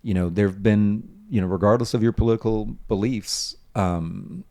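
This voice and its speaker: A man talks in a relaxed, earnest way as a podcast guest. His voice sits a little low. He rambles, with lots of "um" and "you know" between his thoughts. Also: moderate pace. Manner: earnest, rambling with many fillers. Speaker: guest, nonprofit founder. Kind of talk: casual conversation.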